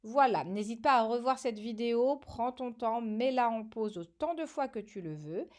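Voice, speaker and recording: A woman with a French accent teaching a children's phonics lesson, patient and clearly articulated. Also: on the high side, expressive, moderate pace, darkish tone.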